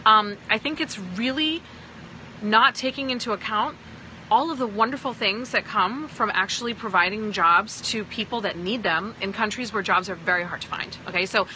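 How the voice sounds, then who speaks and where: The recording is rough, with a bit of hiss or hum, as a woman speaks at normal speed in a medium-pitched, pushed and bright voice. She's from Pakistan yet sounds American, a sales team leader answering viewers on a phone livestream with emphasis and frequent "okay?" check-ins.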